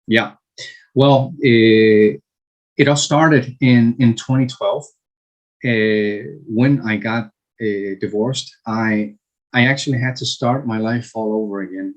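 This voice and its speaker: Guest in his fifties, from Chile; slow, halting answers, middle pitch. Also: dull audio. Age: 50s. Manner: slow, halting, many fillers and restarts. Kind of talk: interview answers.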